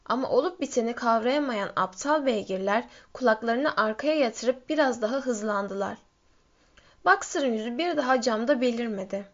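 A woman narrating a story in a steady reading voice. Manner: steady storytelling, lifts pitch for shouted quotes. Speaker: audiobook reader. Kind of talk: scripted narration. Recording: dull lo-fi recording.

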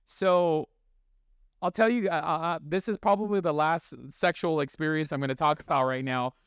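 A man's voice: on the high side, normal speed, smooth, no echo. A male podcast host talking candidly in casual studio chat, telling stories, laughing often and swearing freely.

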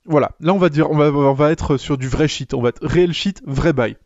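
Young guy ranting thru a funny confession, kinda high voice, swears a ton, dry dull mic. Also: fairly quick, gravelly, dry recording. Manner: animated, swears a lot, swings between loud outbursts and low muttering. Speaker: podcast host. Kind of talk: comic confessional storytelling.

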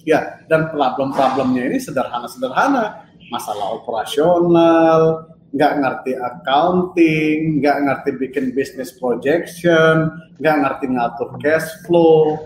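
A man's voice: fairly high pitch, unhurried, roomy sound, a little hiss or hum, poor audio. Man on a choppy, breaking-up call. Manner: loose, mixes in English words. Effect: choppy, breaking-up online call audio. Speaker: business guest. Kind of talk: casual podcast chat. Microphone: online call.

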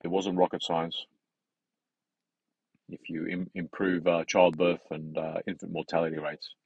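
A low, husky man talks about health in a loose, rambling monologue. He stumbles, restarts and fills gaps with "uh" and "um". The recording sounds dry and muffled, close and dull. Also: dry recording. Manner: rambling, hesitant, with many fillers and restarts. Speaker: health advisor. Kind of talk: casual monologue.

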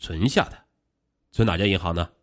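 A man's voice: deep voice, fairly quick, voice pushed down, close to an everyday voice. A man voicing a stern male police officer who questions a suspect sarcastically. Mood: scornful.

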